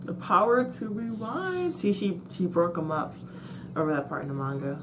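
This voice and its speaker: A woman's voice: fairly low pitch, moderate pace, background noise. A woman giving spontaneous, casual reaction commentary as she watches, with a slight lisp from a retainer. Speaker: host of an anime reaction channel.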